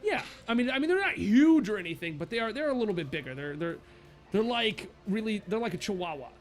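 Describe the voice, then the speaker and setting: High-voiced man running a tabletop game. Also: sing-song, soft background music. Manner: halting, full of fillers and restarts. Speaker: game master.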